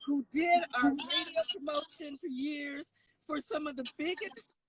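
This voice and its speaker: A woman's voice: sits high, measured pace, recorded from a distance, crowd noise, rough recording. A woman co-hosting a casual livestream chat from a car, out of breath and gushing with enthusiasm. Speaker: co-host.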